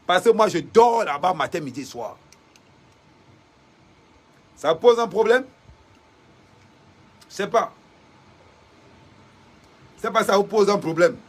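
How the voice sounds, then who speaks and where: A woman's voice: mid-range voice, lively intonation, slow pace, long pauses, husky. A woman from Cameroon, delivering a defiant, fiery political rant to viewers, repeating rhetorical questions.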